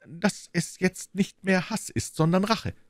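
Ängstlicher Hausbesitzer mit hoher, gepresster Stimme, von einem Mann gelesen. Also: male voice, measured pace, no room sound, clean studio sound. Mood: fretful. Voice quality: high, strained voice. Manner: wordy, timid, eager to please. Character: anxious, fussy middle-aged male landlord. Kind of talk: audiobook reading.

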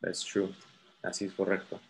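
A man with a slightly low voice tutors a single student through exam grammar. He is patient and repeats words slowly to fix pronunciation. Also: completely flat delivery, gravelly, a bit bright, rough recording. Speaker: English tutor. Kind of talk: one-on-one TOEFL grammar lesson.

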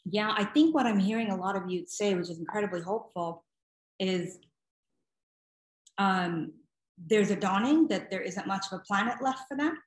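Speaking at a moderate pace in a mid-range voice, a middle-aged woman answers interview questions thoughtfully as a guest speaker and nonprofit director. She phrases things hesitantly, searching for words and repeating them as she thinks. The call comes through a computer mic in an indoor home room, with a roomy echo.

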